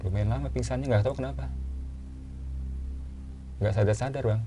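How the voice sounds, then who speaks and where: A man with a casual way of talking, telling his own story as a guest in a relaxed chat and repeating phrases for emphasis. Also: medium pitch, normal speed, faint music behind.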